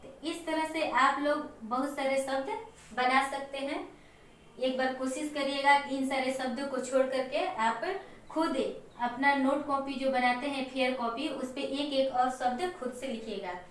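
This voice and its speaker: Lady teacher walking kids through a lesson slowly, high voice, far from the mic, faint hiss. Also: fairly even intonation, fairly bright tone. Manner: slow, explaining step by step with examples. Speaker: Hindi teacher. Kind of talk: classroom lesson to children. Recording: echoey room, mic far off, faint noise.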